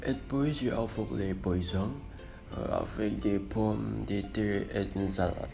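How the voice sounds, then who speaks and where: A polite hotel receptionist in a student skit, played by a young man from Indonesia. He talks very slowly in a gravelly voice, with hesitant learner's French. Music plays clearly behind him. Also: fairly low pitch, fairly even intonation. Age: 20s. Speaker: student playing hotel front-office staff. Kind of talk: classroom role-play.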